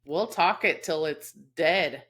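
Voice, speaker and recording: With a low voice, slow pace and fairly bright tone, a Texan woman co-hosting a podcast gets candid and heartfelt about friendships. It's casual chat, with a Texas accent and many fillers.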